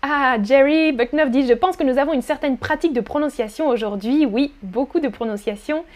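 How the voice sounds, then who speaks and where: A high-pitched woman leads a live online lesson on French pronunciation. Reading learners' chat comments, she cheers them on, and she pronounces words slowly and repeats them for the group.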